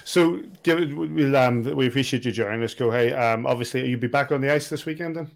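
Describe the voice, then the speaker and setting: A man's voice: mid-range voice, a little fast, gravelly. A man hosting a sports podcast in a jovial, bantering way. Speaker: podcast host. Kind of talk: casual sports chat.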